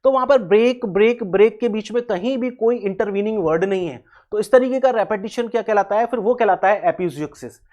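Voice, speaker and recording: A male English teacher gives an exam-prep video lecture, mixing Hindi with English terms, working through the material step by step, repeating key terms, and spelling words out letter by letter. His voice is high, a little mellow, and fairly quick.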